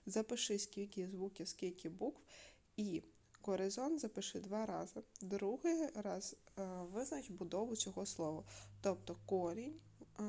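Woman teacher, mellow tone, slow careful dictation for a recorded class lesson. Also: medium pitch. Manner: slow, clear, syllable-by-syllable dictation. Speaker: primary school teacher.

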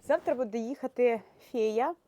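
A woman's voice: fairly high pitch, normal speed, warm tone, muffled recording. A Ukrainian woman dog breeder, tearful, cooing baby talk to her puppies in an emotional vlog. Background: dogs.

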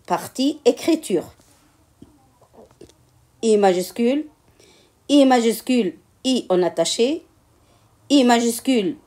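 A woman's voice: on the high side, darkish tone. A woman teaching in a patient classroom manner, repeating words and counting their syllables aloud. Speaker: French teacher. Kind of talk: slow classroom instruction.

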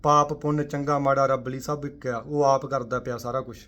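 Addressing viewers with a Sikh spiritual message, this man talks forcefully at a moderate pace, his pitch barely moving. He throws out rhetorical questions, alternates booming emphasis with soft murmured asides, and slips in English terms, all captured in lo-fi sound.

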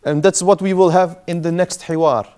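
An Arabic teacher in his thirties leads a language class in a small indoor classroom with a whiteboard, patiently repeating and explaining each word. His voice sits high with a darkish tone, fairly even intonation, and a moderate pace.

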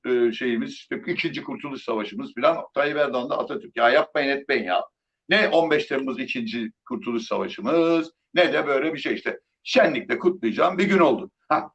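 A middle-aged man from Turkey delivers a live political monologue in a fairly high voice that swings between sarcasm and scolding. He talks like a seasoned commentator, throwing jabs and rhetorical questions. The sound is dull and a bit lo-fi. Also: creaky.

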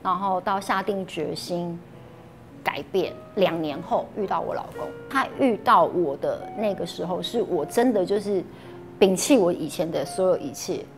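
A woman's voice: fairly low pitch, normal speed, soft background music. A woman from Taiwan with a Taiwanese Mandarin accent, speaking candidly in an interview and often voicing her own harsh inner thoughts. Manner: candid, self-reproaching, quotes her own thoughts aloud. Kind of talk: emotional personal recollection.

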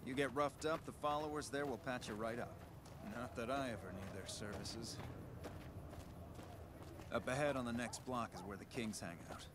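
A man playing a smug, self-important mercenary bodyguard in a video game, talking briskly and confidently. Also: medium pitch, very noisy, natural voice. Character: smug, cocky male mercenary bodyguard, shady con artist. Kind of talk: video game character dialogue.

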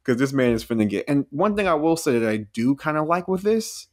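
A man's voice: fairly high pitch, very animated, a little fast, no room sound, clean studio sound. A man chatting on a podcast, informal and emphatic, with slangy asides. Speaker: podcast guest. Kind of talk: casual podcast chat.

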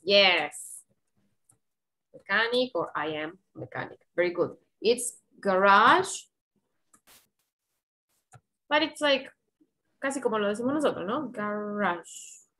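Slow, patient woman teaching pronunciation. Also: mid-range voice, animated, sharp tone, low-quality recording. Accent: Argentine Spanish. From Argentina. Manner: patient, slow and encouraging, models words carefully. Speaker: English teacher. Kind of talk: online class, pronunciation coaching.

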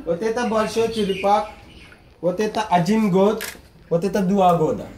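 A turtle farm guide explaining in halting, broken Russian, repeating simple numbers, recorded on a tourist's phone outdoors. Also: male voice, high-pitched, darkish tone, echoey room, a little hiss or hum. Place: outdoor turtle hatchery tanks. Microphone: tourist's phone camera.

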